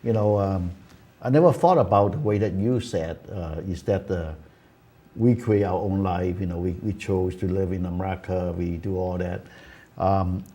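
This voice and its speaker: A man's voice: low-pitched, moderate pace, warm tone. A man in his seventies, born in Hong Kong, hosting a talk show and telling a personal story earnestly, with many "you know"s and "uh"s. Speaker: host. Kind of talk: casual chat. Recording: community access TV studio.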